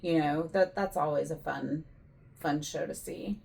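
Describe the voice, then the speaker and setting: Low, creaky-voiced woman chatting casually. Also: measured pace, a little mellow. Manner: conversational, frequent "you know". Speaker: vlog co-host. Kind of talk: casual chat.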